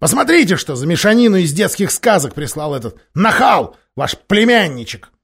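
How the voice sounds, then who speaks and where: A man's voice: high voice, big pitch swings, moderate pace, husky, pitched above the performer's own voice, full character voice. Miraz, a furious blustering king. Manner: shouting, indignant. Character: hot-tempered blustering king, middle-aged man.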